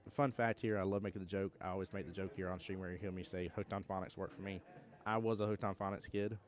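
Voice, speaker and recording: Here a young adult man from Georgia, USA, with a Southern accent, calls a pool tournament for a live stream audience. His voice is low and steady in tone, his delivery fast, and he keeps up easygoing, joking banter with the viewers.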